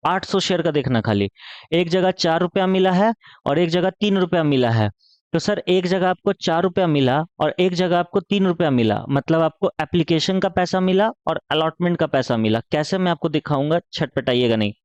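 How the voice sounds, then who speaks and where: A man's voice: a little high, expressive, normal speed, a little mellow, clean tone, dry recording, muffled recording. A man teaching an accounting lesson in a playful, chatty tone, asking questions in his students' voice and answering them himself. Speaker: commerce teacher.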